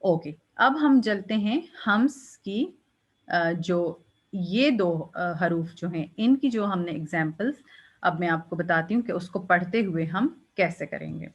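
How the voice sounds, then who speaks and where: A woman teaching Quranic recitation rules, explaining patiently and demonstrating each letter with a drawn-out, breathy release. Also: lowish voice, lively intonation, highs cut off. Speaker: tajweed teacher. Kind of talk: step-by-step recitation lesson.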